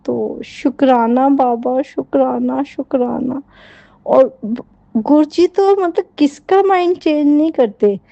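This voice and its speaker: A woman's voice: high-pitched, slow, gravelly, dark tone, no echo, lo-fi sound. A middle-aged woman giving a devotional testimony, fervently repeating her thanks over and over.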